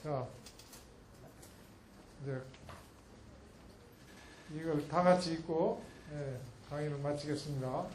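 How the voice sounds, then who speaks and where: A man giving a public lecture in an animated way, acting out a mother and child when he quotes them. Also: a little high, takes it slowly, long pauses, slight background noise, poor audio.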